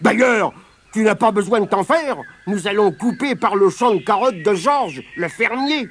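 A man's voice: sits high, expressive, moderate pace, fairly bright tone, a little hiss or hum. A man doing a grumbling, clumsy storybook bear.

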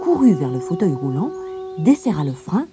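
A woman narrating a children's storybook in an expressive way, with music playing behind. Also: deep voice, normal speed. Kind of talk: storybook reading.

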